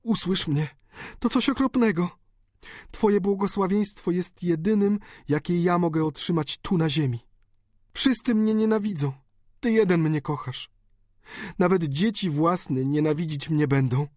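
A male audiobook reader voicing a remorseful, despairing countess in a high, pleading voice. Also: unhurried, darkish tone, no echo, studio quality. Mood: anguished pleading. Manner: pleading, anguished, high-pitched. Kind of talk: audiobook character reading.

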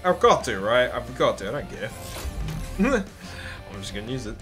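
A man giving excitable gameplay commentary as a hyped gamer bro, exclaiming in slang. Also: mid-range voice, moderate pace. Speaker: gaming video host. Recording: music behind the voice. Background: music.

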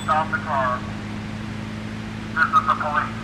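An actor voicing a male police officer calling loud, flat, commanding orders through a bullhorn loudspeaker in a video game. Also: fairly high pitch, measured pace, heavy background noise.

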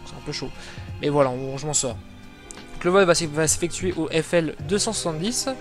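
A man's voice: a little high, fairly quick. A man from France with a French accent, casually commenting on his flight sim game and rambling with lots of fillers and self-corrections, recorded on a desktop mic over background music. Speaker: flight sim video host. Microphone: desktop microphone.

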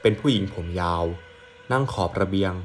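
A man calmly reading out a first-person ghost story as a storyteller. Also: deep voice, a little fast, slight background noise.

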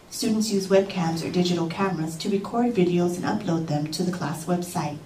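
A woman reading a formal scripted narration in an even, steady way. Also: on the low side. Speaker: video narrator. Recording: roomy, distant, faint noise, played through speakers.

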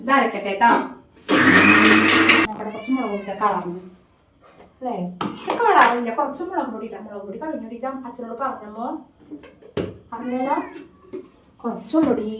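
A woman's voice: moderate pace, pauses often. A middle-aged woman vlogging casually from her home kitchen, chatting along as she cooks and tags her sentences with a friendly aside. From Kerala, India. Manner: chatty, talks to pets in a high coaxing voice, often tags "kētto". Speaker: village vlogger. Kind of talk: casual home vlog narration. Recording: roomy echo, distant from mic, faint noise.

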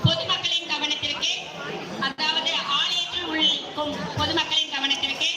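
A woman making formal, measured crowd announcements at a temple festival through an outdoor loudspeaker. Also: high-pitched, heavy background noise. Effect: outdoor loudspeaker public address. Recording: echoey loudspeaker sound heard from a distance over a loud crowd.

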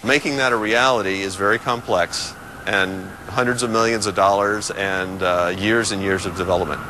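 Corporate guy in his 40s talking outside, lowish bright voice, faint street noise. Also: steady tone, normal speed, low-quality recording. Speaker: company affairs director. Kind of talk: on-camera interview. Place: outdoors by a brick building.

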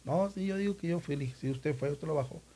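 A man's voice: on the high side, quick pace, warm tone, slightly rough. A man recounting a past event in casual conversation, acting out the voices of the people he quotes. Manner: vivid retelling, acts out quoted voices. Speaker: former newspaper reporter, podcast guest. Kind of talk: casual storytelling chat.

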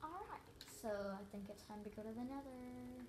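A woman's voice: on the high side, normal speed, echoey room, over music. A teenage girl casually showing off a house she built in a game, rambling with lots of fillers. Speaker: gamer giving a house tour. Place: living room in front of a TV.

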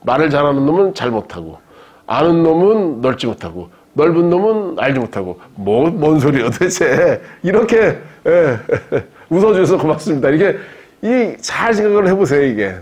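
A male philosophy professor giving a lecture to a live audience, telling lively anecdotes and laughing along with his own jokes. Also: a little high, normal speed, husky. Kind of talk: university-style public lecture.

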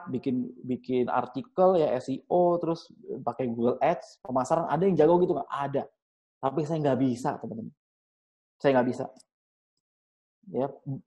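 A man's voice: mid-range voice, mellow. A young man giving a casual motivational seminar talk to a live audience, joking and asking the room questions. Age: young adult. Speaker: seminar speaker.

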